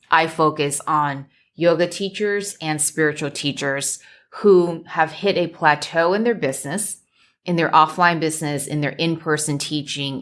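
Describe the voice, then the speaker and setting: Low-voiced woman hosting a motivational podcast. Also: fairly bright tone. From United States. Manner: measured, builds points in emphatic lists. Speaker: podcast host and business coach. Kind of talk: solo motivational podcast talk.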